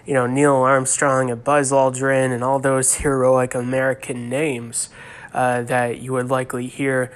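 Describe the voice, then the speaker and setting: A young man in his twenties, a student hosting a casual solo podcast, sounding stuffy from a sinus infection and talking haltingly with many fillers. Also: medium pitch, monotone. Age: 20s.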